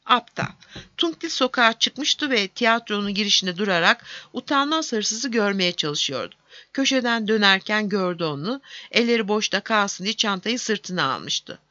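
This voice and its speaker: Woman narrating an audiobook, bright voice, dry and a bit dull. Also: medium pitch, expressive, normal speed, dry recording.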